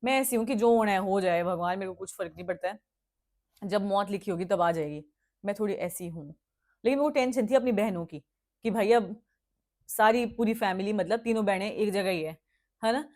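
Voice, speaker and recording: A young woman telling a dramatic personal story in a casual vlog, chatty and animated, jumping into high-pitched outbursts and dropping English phrases into her talk. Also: fairly quick. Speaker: vlogger.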